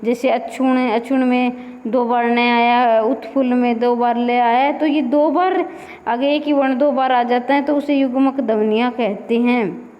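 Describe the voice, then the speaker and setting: A woman's voice: fairly high pitch, steady tone, moderate pace, muffled recording. Hindi teacher woman, echoey room. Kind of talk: exam-prep lecture.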